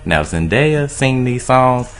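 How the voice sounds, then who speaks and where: A man's voice: mid-range voice, expressive, measured pace, a bit bright. A man co-hosting a radio talk show, giving emphatic, opinionated takes in long run-on sentences. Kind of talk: casual opinion chat.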